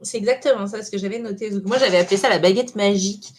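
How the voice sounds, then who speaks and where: A woman's voice: mid-range voice, rapid-fire, darkish tone. A woman player chats around the table during a tabletop role-playing session. She is vehement and jokey. A faint hiss sits under her voice. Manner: vehement, joking. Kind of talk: casual chat at a game table.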